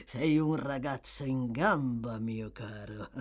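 A woman voicing a sly, coaxing old man who trains young thieves, in a low, soft, drawn-out manner. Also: wildly swooping pitch, husky, full character voice. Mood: approving. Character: sly, wheedling old male fence, coaxing.

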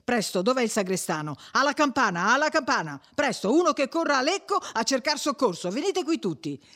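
A reader voicing a male village official who takes charge and gives brisk orders. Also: high-pitched, very animated, a bit bright, pitched above the performer's own voice, exaggerated voice. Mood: commanding.

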